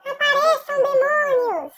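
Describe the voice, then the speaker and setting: A woman voicing a rebellious thirteen-year-old boy who yells mocking dares at the devil in a high, shrill voice. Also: big pitch swings, takes it slowly, exaggerated voice. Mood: taunting shout. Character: rebellious teenage boy taunting the devil, shrieking.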